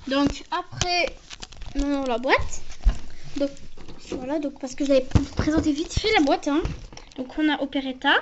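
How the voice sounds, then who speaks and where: A woman casually showing and describing a toy as she handles it, often ending phrases with a quick tag. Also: sits high, dull audio, background noise. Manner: talks while handling items, often ends phrases with a tag "hein". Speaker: toy reviewer. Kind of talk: casual unboxing and show-and-tell.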